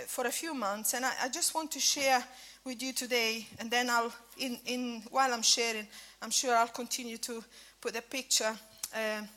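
She has a fairly high, bright voice with a forceful edge. An Italian native in her fifties, she speaks with an Italian accent colored slightly by Scottish while giving an informal sermon at a church breakfast, repeatedly using fillers and restarting.

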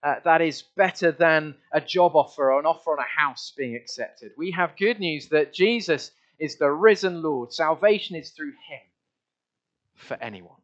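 Male pastor, earnest and conversational, slightly raised pitch, dull lo-fi sound. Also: normal speed. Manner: earnest, conversational, with many restarts. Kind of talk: sermon. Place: church.

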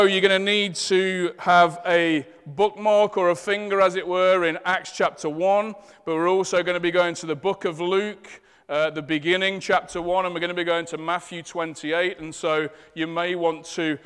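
A male preacher with a Leicester accent from the English East Midlands delivers a sermon in a high, clean and resonant voice. His phrasing is deliberate and emphatic, and the sound rings with the long reverb of a church hall. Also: fairly even intonation, fairly bright tone, clear, resonant tone. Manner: deliberate, emphatic phrasing, seeking amens from listeners. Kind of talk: church sermon with scripture reading and prayer. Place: large echoing room, church service.

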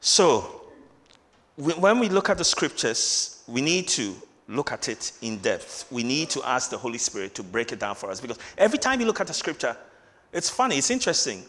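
A man preaching in a church hall, his bright, forceful voice carrying with a long reverb around it. He hammers key words by repeating them and slows right down when reading scripture aloud. The delivery is a sermon, earnest and emphatic. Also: medium pitch, very animated. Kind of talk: Christmas sermon.

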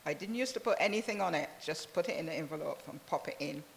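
A woman from Barbados, a church member, giving a soft, unhurried testimony in an interview. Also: deep voice, lively intonation, creaky, big-room sound, a little hiss or hum. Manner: soft-spoken, unhurried, many "really"s.

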